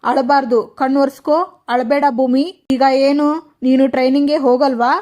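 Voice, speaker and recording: A woman's voice: sits high, little pitch movement, moderate pace, mellow, natural voice. A woman voicing a loving middle-aged mother-in-law who hides her sadness, coaxing and affectionate. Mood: tender.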